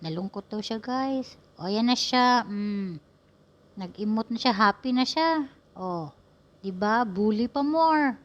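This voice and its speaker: A woman's voice: on the high side, muffled recording. A woman giving playful, teasing voice-over commentary on a video for her viewers. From Philippines. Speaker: vlogger narrating a video.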